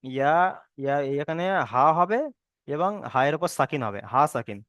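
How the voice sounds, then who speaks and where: A man teaching Quran reading rules step by step, patiently repeating each rule and slowly chanting verses as examples. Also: mid-range voice, expressive, a bit bright, no echo, muffled recording. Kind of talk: step-by-step recitation lesson.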